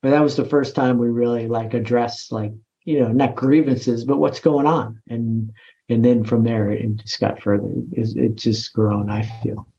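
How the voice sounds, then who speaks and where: A military veteran talking in a casual interview, with many restarts and fillers. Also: male voice, mid-range voice, fairly even intonation, warm tone. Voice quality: halting, full of restarts and "like". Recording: slightly muffled recording.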